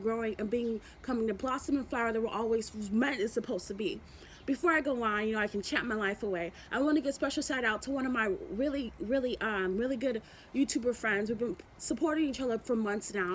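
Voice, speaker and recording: A YouTube vlogger chats in a rambling, affectionate way, often repeating herself and restarting, as she delivers motivational vlog talk. Her voice is fairly high and fast, with a little hiss or hum on the recording.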